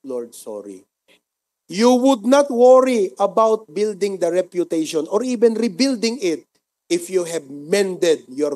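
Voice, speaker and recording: A man with a Filipino accent, a pastor preaching a sermon and telling a story, mixing two languages, with loud bursts and quiet asides. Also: on the high side. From Philippines. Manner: storytelling, mixing Tagalog and English, lively bursts then soft asides.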